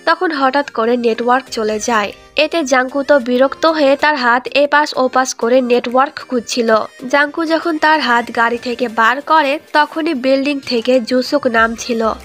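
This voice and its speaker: A woman's voice: high-pitched, normal speed, fairly bright tone. A woman narrating a romance drama recap, reading every character's lines in her own voice. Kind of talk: scripted story narration. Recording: faint music behind.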